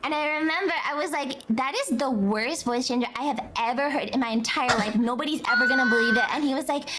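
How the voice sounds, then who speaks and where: A woman's voice: high voice, quick pace. A woman VTuber chatting casually and laughing easily, her voice run through a voice changer. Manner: giggly, chatty. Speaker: VTuber streamer. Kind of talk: casual chat. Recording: noisy stream audio.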